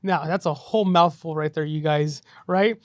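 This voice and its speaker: A man with a slightly high voice hosts a casual podcast, sounding upbeat and loose at a moderate pace with fairly even intonation. He peppers his talk with "you know" and "right." The recording is clean studio audio with no room sound.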